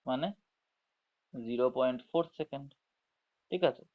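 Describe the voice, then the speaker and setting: A man teaching an online class to school students, explaining slowly, checking in with frequent tag questions and drawing words out syllable by syllable, on dull lo-fi audio. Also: mid-range voice. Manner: drawls words out syllable by syllable when demonstrating.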